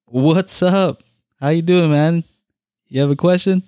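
A man's voice: a little high, a little slow, warm tone, clear, resonant tone, no room sound. Easygoing man hosting a dry call-in show. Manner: easygoing, laughing, filler-heavy. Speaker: podcast host. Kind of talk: live call-in podcast chat.

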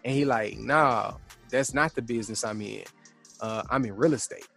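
A man's voice: mid-range voice, moderate pace, vocal fry, a bit bright, faint music behind. A man co-hosting a casual discussion, talking in a slangy, conversational way and retelling stories as quoted dialogue. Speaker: podcast co-host.

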